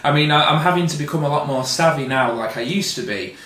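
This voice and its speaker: A man's voice: on the high side, fast talker, fairly bright tone. A man co-hosting a casual film discussion, laid-back and hesitant with fillers and the odd blunt swear. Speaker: co-host. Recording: roomy echo, distant mic, faint noise.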